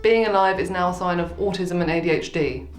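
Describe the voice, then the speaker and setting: Female vlogger, sarcastic comment reading, playful and dry, roomy sound with soft music underneath. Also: on the low side, a little fast. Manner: playful, self-deprecating. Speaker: video creator. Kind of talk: casual vlog, reading out comments and reacting. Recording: roomy echo, faint music behind. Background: faint music.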